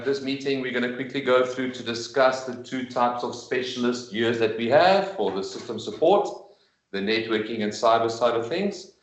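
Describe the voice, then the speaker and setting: Male presenter, mid-pitched, conversational, explaining things informally on a video call from an echoey room. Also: lo-fi sound. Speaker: presenter at a school information evening. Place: room with in-person attendees, streamed on a video call.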